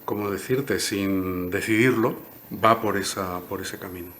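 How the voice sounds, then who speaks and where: This interview guest is a poet from Cuba, a man in his sixties who replies thoughtfully and keeps tagging his phrases with "¿no?". His low, somewhat bright voice moves a little slowly, with a faint hiss or hum on the recording.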